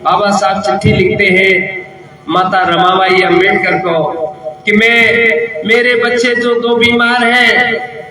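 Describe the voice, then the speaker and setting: A man giving a booming political rally speech as a candidate, oratorical, repeating phrases and calling on listeners to answer. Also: little pitch movement, slow. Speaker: election candidate. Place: public election rally before a crowd. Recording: roomy distant PA sound with loud crowd.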